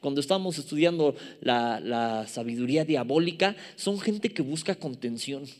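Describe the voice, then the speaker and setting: A man's voice: medium pitch, lively intonation, normal speed, a little mellow. A man in his thirties with a Mexican Spanish accent, preaching a sermon with emphatic repetition and playful asides to the congregation. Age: 30s. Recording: long hall reverb.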